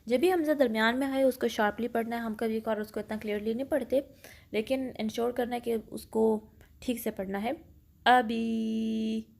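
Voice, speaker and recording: A woman with a slightly high, gravelly, somewhat mellow voice and fairly even intonation teaches an online Quran pronunciation lesson. She explains step by step in Urdu with English phrases mixed in, slowly draws out example words for practice, and is careful and apologetic about her Urdu reading.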